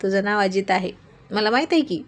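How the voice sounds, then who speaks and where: A woman's voice: mid-range voice, lively intonation, fairly quick, close to an everyday voice. A woman voicing a bold, talkative young village woman who teases and chatters. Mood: playful.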